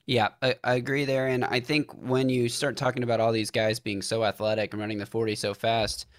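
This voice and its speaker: Man, mid-pitched voice, podcast host, relaxed sports chat. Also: brisk.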